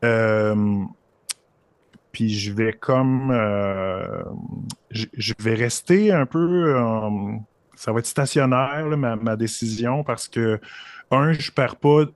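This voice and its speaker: A man's voice: mid-range voice, slow pace, no echo. A man with a Québécois accent playing a tabletop game, thinking aloud and hesitant as he plans his move. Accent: Québécois French. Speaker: player. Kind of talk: tabletop role-play talk.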